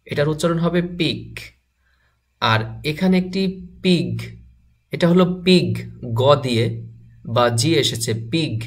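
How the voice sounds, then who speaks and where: A man teaching a vocabulary lesson, reading each word slowly, repeating it and giving its meaning. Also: medium pitch, fairly bright tone.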